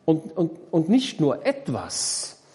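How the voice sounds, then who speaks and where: A man's voice: on the high side, huge pitch swings, slow, warm tone. A man preaching a sermon, explaining a parable and questioning his congregation, emphatic and repeating key phrases.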